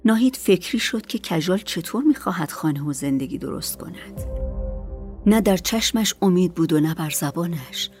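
A woman narrating an audiobook in a soft voice that often drops to a whisper. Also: on the low side, expressive, soft background music. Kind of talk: scripted narration.

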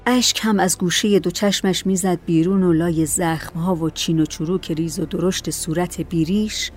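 A woman narrating a story in a calm, measured audiobook reading. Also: on the low side, faint music behind.

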